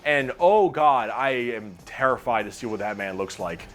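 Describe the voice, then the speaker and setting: A man's voice: mid-range voice, expressive, moderate pace, a bit bright, soft background music. A man streaming, casually explaining game lore in a loose, profane way and reading chat messages aloud.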